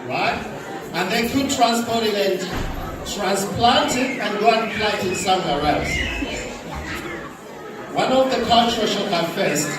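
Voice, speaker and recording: A Zambian man in his forties gives a chatty, humorous talk to an audience in a large indoor hall, using a handheld mic and leading call-and-response. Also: sits high. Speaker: guest speaker. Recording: echoey hall from far off with crowd and noise.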